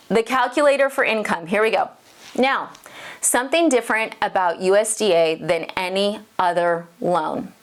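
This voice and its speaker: Woman loan officer, chatty and emphatic, talking straight to viewers, a bit short of breath from a cold. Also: mid-range voice. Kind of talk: casual explainer video.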